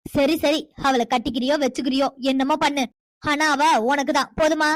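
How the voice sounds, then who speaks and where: A woman's voice: sits high, steady tone, moderate pace, dry recording, natural voice. A woman voicing a domineering, scheming mother who scolds and commands her grown son in a cartoon. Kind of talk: cartoon voice acting.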